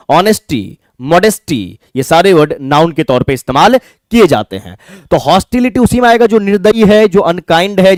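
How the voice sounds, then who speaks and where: A man's voice: high-pitched, no room sound, studio quality. A man teaching English for an exam, explaining step by step and asking and answering his own questions. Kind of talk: classroom lecture.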